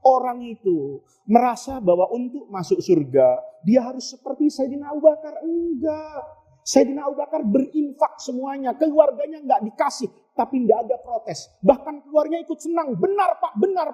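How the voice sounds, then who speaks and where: A man's voice: very high voice, moderate pace, dark tone, husky. A middle-aged man giving a humorous sermon, telling jokey stories and acting out the voices he quotes. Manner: jokey storytelling, acts out quoted voices, laughs. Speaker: preacher.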